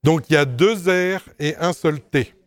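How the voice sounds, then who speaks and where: A man's voice: a little high, moderate pace, no echo. A man correcting a dictation, spelling words letter by letter and explaining spelling rules patiently with small asides.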